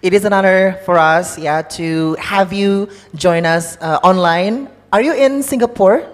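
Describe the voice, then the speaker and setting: A woman with an Indonesian accent acts as a formal master of ceremonies. Her voice sits at a middle pitch and echoes through a conference hall. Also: a little slow, faint music behind. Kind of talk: formal event hosting. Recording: reverberant conference hall sound.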